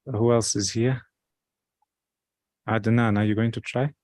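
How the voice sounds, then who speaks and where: Guy teaching a study circle, patient, step by step, lowish voice, dry room. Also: steady tone, a little slow, darkish tone, dry recording. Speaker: religious teacher.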